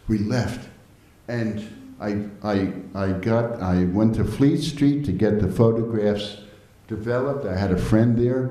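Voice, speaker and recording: An older man in his seventies tells anecdotes to a gathered audience, chuckling now and then as he goes. His voice is mellow and relaxed. The room around him rings with a roomy hall echo. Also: fairly low pitch. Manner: lively storytelling, chuckling often. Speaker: devotional storyteller. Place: temple hall.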